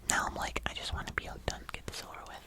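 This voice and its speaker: The host of a whispered ASMR taste-test vlog chats casually and a bit hesitantly while tasting. The delivery is soft, airy and fully unvoiced from start to finish, and very fast.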